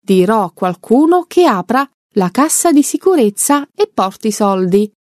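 A woman's voice: on the high side, big pitch swings, normal speed, darkish tone, dry recording, clean studio sound. Woman doing a polite male cashier. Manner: polite and stalling.

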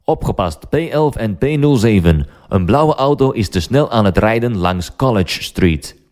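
A man reading as a brisk police radio dispatcher. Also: fairly low pitch, lively intonation, darkish tone.

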